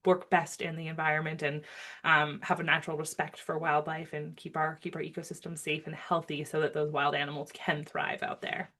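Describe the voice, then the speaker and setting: Woman, low pitch, earnest guest, frequent ums, casual interview chat. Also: little pitch movement, fairly quick, bright, forceful tone. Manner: earnest, speaks with many ums and restarts. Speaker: guest, wildlife rehabilitation board member.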